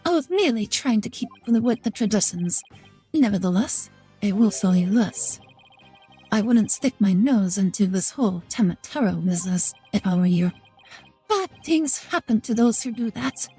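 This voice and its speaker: A woman's voice: medium pitch, expressive, normal speed, warm tone, breathy edge, faint music behind. A woman reading aloud as a vain, theatrical man obsessed with beauty. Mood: dismissive. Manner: haughty, theatrical. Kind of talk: reading game dialogue aloud.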